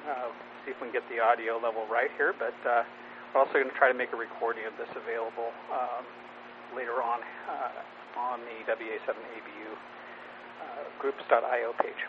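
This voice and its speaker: Male net control operator heard over a radio transmission with static. Tinny, narrow audio and a steady hiss. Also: mid-range voice, brisk. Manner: reads a set preamble, with some fillers and restarts. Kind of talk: running a ham radio net.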